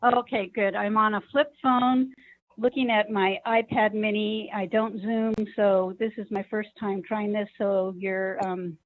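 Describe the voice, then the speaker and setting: A woman calling in on an old flip phone to give a public comment, speaking haltingly with many ums and uhs. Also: medium pitch, level tone. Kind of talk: public comment at a council meeting. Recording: tinny phone line.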